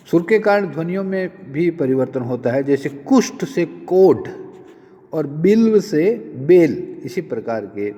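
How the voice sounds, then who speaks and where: Lively-pitched male Hindi lecturer, reverberant. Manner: explains with many spoken examples, measured and didactic. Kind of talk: recorded university lecture.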